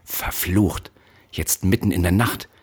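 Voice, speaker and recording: A man voicing a brutal factory overseer who shouts threats at child workers. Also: low voice, steady tone, takes it slowly, husky, voice pushed up, exaggerated voice. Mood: furious. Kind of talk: audiobook character voice.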